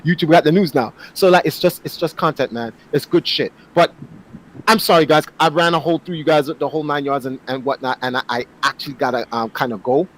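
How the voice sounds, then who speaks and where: A man's voice: a little high, fairly quick, a bit bright, rough recording. A man in his forties, a guest on a casual online panel, talking emphatically and often repeating words as he starts a thought. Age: 40s.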